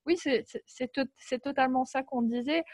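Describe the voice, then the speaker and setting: Host, woman, chatty and bright-voiced, dry close mic. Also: high voice, moderate pace, no room sound. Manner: chatty, reads out viewer comments. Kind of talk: casual live video chat.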